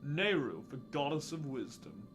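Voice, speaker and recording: A man voicing an ancient, wise male tree spirit, reading game dialogue aloud in slow, archaic, solemn tones. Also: fairly high pitch, very animated, over music.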